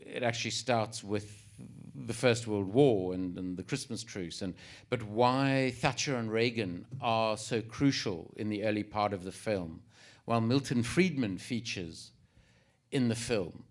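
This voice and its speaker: A South African man answering as a panelist, measured and explanatory with a wry touch. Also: lowish voice.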